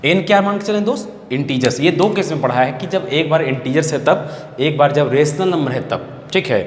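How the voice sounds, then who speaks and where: A man's voice: on the high side, moderate pace. A man with a Bihari Hindi accent teaching math in a classroom lecture, repeating his points and asking the class questions he then answers himself. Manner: repetitive, asks the class questions and answers them. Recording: echoey hall, faint background hiss.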